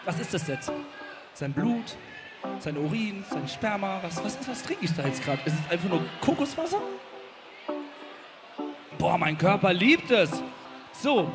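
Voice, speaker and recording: A man's voice: high-pitched, sing-song, a little slow, long pauses. A German man, a musician performing live at an open-air festival, joking playfully with the crowd between songs. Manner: playful, cheeky, calls out to the crowd. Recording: live concert sound with loud band music.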